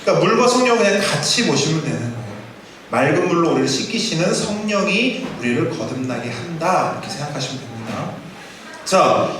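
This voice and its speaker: A male pastor preaching in a lively, conversational way, his voice pitched high and swinging widely. Rhetorical questions keep the congregation engaged. The mic sits far away in a church sanctuary full of echo, with faint noise underneath. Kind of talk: sermon. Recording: echoey church hall from far off.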